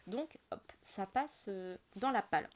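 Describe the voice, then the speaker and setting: A young woman hosts a laid-back book podcast in a medium-pitched voice. She rambles warmly through asides and fillers. It sounds like a simple home podcast recording. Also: animated, a little slow. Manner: chatty, many fillers and asides. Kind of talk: casual book chat. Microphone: audio-only podcast mic.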